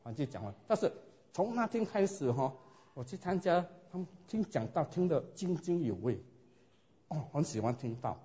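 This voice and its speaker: A man preaching a sermon and telling his own story in a lively way, often asking his listeners rhetorical questions. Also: a little high, moderate pace. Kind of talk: sermon with personal testimony. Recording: dull lo-fi recording.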